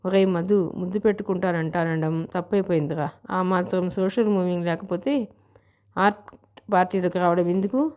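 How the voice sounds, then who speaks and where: A woman voicing a boastful, drunk young man who talks loudly and slowly, as in an audiobook reading. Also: high-pitched, smooth, lightly acted. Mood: drunk, rowdy. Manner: loud, slurred and slow.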